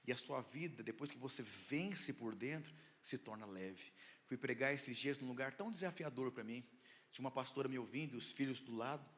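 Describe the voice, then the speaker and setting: A Brazilian man preaching a sermon with personal testimony as a pastor, with slightly tongue-tied articulation and an emphatic delivery full of dramatic pauses and swells. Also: mid-range voice, lively intonation, a bit bright. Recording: echoey hall with long reverb.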